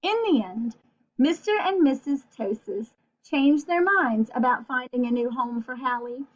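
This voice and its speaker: A woman with a high voice reads a children's picture book aloud at a measured pace, keeping it playful and animated and turning to ask her young listeners questions along the way. The recording sounds dull and lo-fi.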